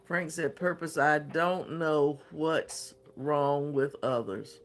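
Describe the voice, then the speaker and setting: A man's voice: on the high side, steady tone, slow, slight background noise. A man hosting a craft livestream, reading viewer comments aloud and answering them in a hesitant, thinking-aloud way.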